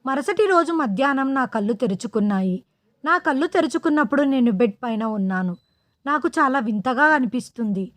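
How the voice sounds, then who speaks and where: A woman narrating an emotional first-person family story in a steady reading voice. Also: high voice, fairly quick, no echo.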